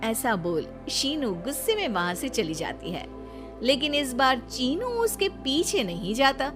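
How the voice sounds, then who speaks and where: A woman narrating a cartoon story in an even storytelling manner. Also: sits high, measured pace. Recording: faint music behind.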